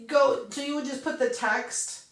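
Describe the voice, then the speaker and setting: In a high, steady voice, a woman talks unhurriedly while hosting a casual craft Q&A. The native English speaker answers viewers' questions, laughs often, and thinks aloud as she demonstrates on her computer. There's a roomy echo, and the mic is a little far from her.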